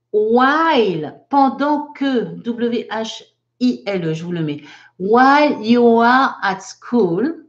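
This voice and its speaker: A woman leads a live online English lesson, reading viewers' chat sentences aloud and patiently fixing them. She talks very slowly and deliberately, her voice a little high. The stream audio is dull and lo-fi. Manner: slow, careful, patient explaining. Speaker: English teacher.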